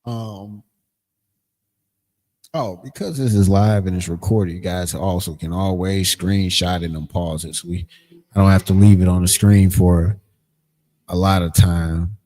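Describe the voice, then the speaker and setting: A man with a low, mellow voice leads a livestreamed language lesson. He talks slowly and casually, stopping often to fill gaps with ums as he works through his explanations. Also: fairly even intonation. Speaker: Hebrew language teacher. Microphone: streaming setup, screen sharing.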